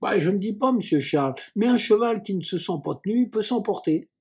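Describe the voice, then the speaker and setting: A man's voice: high voice, lively intonation, fairly quick, darkish tone, breathy edge, voice pushed up, full character voice. A man voicing a cautious, deferential farm servant in a storybook reading. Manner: plain-spoken, deferential.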